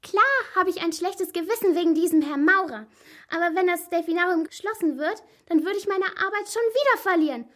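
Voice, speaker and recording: A woman doing a squeaky villainous zookeeper lady. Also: brisk, fairly bright tone. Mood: agitated. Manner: shrill, snapping and pleading by turns. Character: squeaky-voiced angry female zookeeper villain. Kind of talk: storybook reading.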